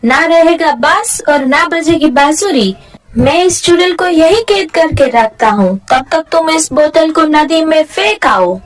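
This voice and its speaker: A woman's voice: high-pitched, expressive, measured pace. A woman voicing a brave male magical helper with a bold, commanding manner in a cartoon.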